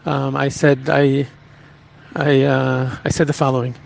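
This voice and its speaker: A rabbi recounting a personal story in an earnest, halting way, with frequent restarts. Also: male voice, mid-range voice, little pitch movement, vocal fry, noisy background.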